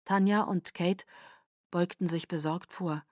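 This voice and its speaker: A woman reading an audiobook aloud as the narrator, with steady, even storytelling. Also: fairly low pitch, a little slow, dry recording, studio quality. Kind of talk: scripted narration.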